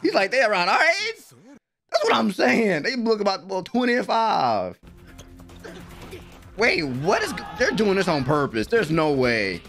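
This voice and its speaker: Faint music plays behind this young man's high, slightly bright voice, which swings hugely in pitch at a somewhat slow pace. He's an anime reaction host tossing out slangy, excited remarks, captured close on a desk mic in his small bedroom streaming space.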